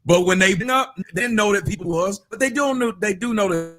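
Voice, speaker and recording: A man's voice: sits high, brisk, fairly bright tone. A man in his forties, a radio show host, arguing hard and talking over the other person. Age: 40s. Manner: pushy, argumentative, talks over the other speaker. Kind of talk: heated on-air argument.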